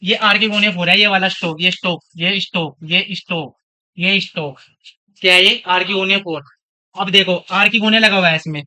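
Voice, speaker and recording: A man's voice: high voice, steady tone, a little fast, pushed and bright. A young man from India teaching a classroom lesson. He talks in a chatty, scolding way and drifts into stories about himself between points. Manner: scolding, chatty, switches between lecture and anecdotes. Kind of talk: classroom lecture.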